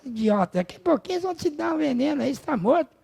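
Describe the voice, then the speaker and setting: A man doing a distraught wife's voice, pitched far above his own and rising to shrill, exasperated cries. Her Brazilian-accented pleading leaps about wildly, with a gravelly edge underneath. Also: very animated, rapid-fire, mellow, exaggerated voice. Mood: frantic. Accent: Brazilian Portuguese. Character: weeping wife of a condemned man, frantic.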